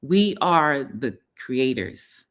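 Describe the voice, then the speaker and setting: This voice belongs to a holistic health coach who hosts a relaxed live stream. The talk is earnest and encouraging, full of "you know" fillers, and key phrases get repeated for emphasis. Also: medium pitch, drawn-out words.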